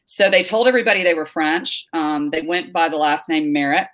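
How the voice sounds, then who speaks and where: A woman's voice: low voice, a little fast. A middle-aged woman from North Carolina, a guest telling stories in a casual interview with many fillers. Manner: lively storyteller, many fillers and restarts.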